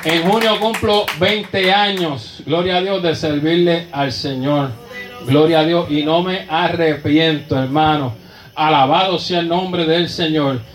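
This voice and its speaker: A fervent male preacher with a Puerto Rican Spanish accent tells his story from the pulpit, breaking into praise every few breaths. His voice sits high for a man. The sound rings around an echoey church room. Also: unhurried. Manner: fervent, with constant interjections of praise. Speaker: pastor. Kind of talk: sermon testimony.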